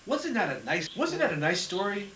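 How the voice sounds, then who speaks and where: A man's voice: high-pitched, huge pitch swings, moderate pace. Man reading aloud on an old VHS tape. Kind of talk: reading a Christmas poem aloud at home. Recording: echoey room, far from the camera mic, faint hiss.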